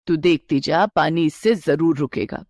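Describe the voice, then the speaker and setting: A woman voicing a shrewd, resourceful middle-aged mother-in-law who talks calmly and reassuringly in a lowered voice. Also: measured pace, dry recording, clean studio sound. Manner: calm, reassuring, matter-of-fact.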